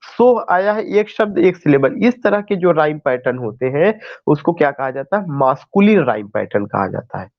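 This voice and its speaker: A man's voice: fairly high pitch, sing-song, moderate pace, hardly any pauses, lo-fi sound. A male teacher giving an online class lecture, explaining step by step with rhetorical questions and mixing in English terms.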